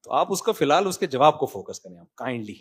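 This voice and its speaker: A man giving an informal religious talk, animated, often checking that listeners follow. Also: medium pitch, breathy edge. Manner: animated, rising to emphatic loud stretches then dropping quiet; conversational, asks listeners rhetorical checks. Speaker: Islamic cleric answering questions.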